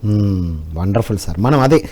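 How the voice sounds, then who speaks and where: A man's voice: lowish voice, expressive, moderate pace, dark tone. A male interviewer chiming in with brief, approving comments. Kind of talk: casual chat.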